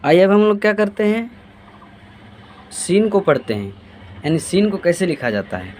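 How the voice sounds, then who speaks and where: A man walks through each letter, narrating as he draws it. His voice sits a little high for a man. He keeps asking himself what comes next and then answering. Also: very animated, normal speed, darkish tone, slight background noise. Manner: answers his own repeated questions while demonstrating. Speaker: Urdu handwriting teacher. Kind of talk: step-by-step writing lesson.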